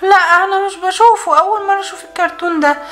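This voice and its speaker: A woman with an Egyptian Arabic accent voicing an excitable young girl doll who chats and frets. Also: very high voice, fast, soft background music. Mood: chatty. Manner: excitable, chatty. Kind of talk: doll play acting. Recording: echoey room.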